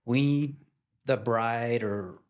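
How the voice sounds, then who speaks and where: A man chats as a guest in a relaxed interview, his voice sitting at an ordinary middle pitch. He talks plainly and loops back on his words, restarting phrases as he thinks. The tone is easygoing and conversational. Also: slow, clear, resonant tone. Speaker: wedding photographer guest. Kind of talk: casual interview chat.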